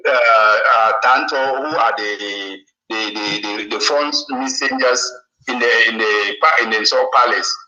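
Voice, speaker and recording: Man on a muffled speakerphone, sharp tone. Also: on the low side, a little slow. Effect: heard over a phone on speakerphone. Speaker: guest author. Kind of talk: reflective interview answer. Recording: roomy, muffled speakerphone call.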